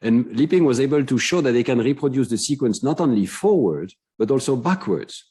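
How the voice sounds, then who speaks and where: Mellow-voiced man giving a science lecture. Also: mid-range voice, expressive, fairly quick, slightly rough. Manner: explanatory, many "uh" fillers, enthusiastic about findings. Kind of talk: academic conference lecture.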